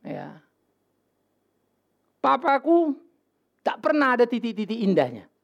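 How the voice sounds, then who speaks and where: A man's voice: very high-pitched, sing-song, takes it slowly, gravelly, dull audio. An older man from North Sumatra preaching a sermon, telling personal stories with acted-out dialogue and dropping English words into his talk. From North Sumatra, Indonesia. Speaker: pastor.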